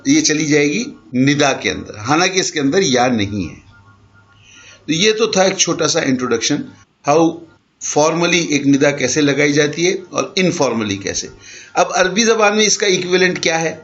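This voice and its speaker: A man's voice: on the high side, fairly bright tone, muffled recording. A man teaching an Arabic grammar class in Urdu, explaining patiently and mixing in English terms. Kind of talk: online class lecture.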